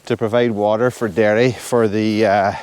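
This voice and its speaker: Tramping through snow on a forest track up a hill, a Northern Irish man talks casually to the camera for his solo walking vlog. His lowish voice carries a flat delivery at a moderate pace and sounds clear, resonant and slightly mellow.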